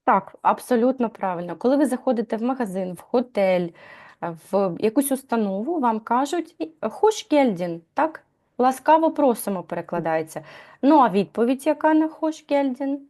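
A woman runs a live language lesson, her pitch sitting a little high and swinging widely as she explains. She talks patiently, asks her students questions and pauses with small fillers while she thinks. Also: expressive, darkish tone. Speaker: Turkish language teacher.

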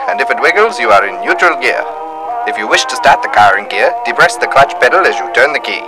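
A man's voice: mid-range voice, poor audio. A man presenting a scripted 1930s-style instructional film as narrator, with a formal, old-time announcer delivery. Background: music.

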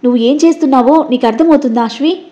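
An anguished older brother, urgent and hurt, read by a woman in her own mellow, fairly high voice. The lines come quickly and plead, in a read-aloud audio story on slightly dull, lo-fi audio. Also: lightly acted. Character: anguished young man, protective older brother.

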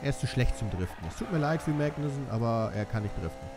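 Talking fast with lively intonation in a mid-range voice, a young let's-play commentator jokes about himself during a racing game. Game music, car sounds and background noise are audible.

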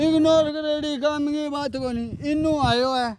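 A man's voice: very high-pitched, level tone, a little slow. A man with a Rajasthani accent acting a bossy, boastful elder brother who eggs on a timid man in a village comedy skit. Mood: urging, boastful. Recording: noisy outdoor village recording.

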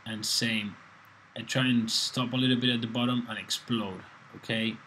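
A Spanish fitness coach records a close-mic workout voice-over, his medium-pitched voice steady, bright, and forceful at a moderate pace. He's laid-back, swearing freely and bantering jokingly, though the audio is poor with slight background noise.

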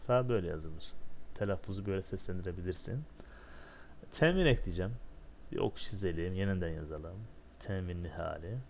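Low-voiced man teaching a slow lesson. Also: vocal fry, darkish tone, slight background noise. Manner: asks himself questions and answers them, drills syllables. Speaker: Arabic teacher. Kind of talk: step-by-step classroom lesson.

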